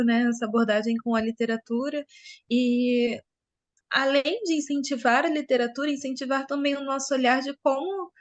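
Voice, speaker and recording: A woman's voice: on the high side, no echo. A Brazilian woman offering an earnest, appreciative comment from the audience of an academic seminar. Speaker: seminar attendee.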